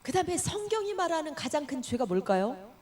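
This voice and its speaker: Woman pastor, sermon, high voice, very lively pitch, rhetorical questions, hushed asides. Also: fairly quick. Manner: animated storytelling, dropping to hushed asides; asks the congregation rhetorical questions.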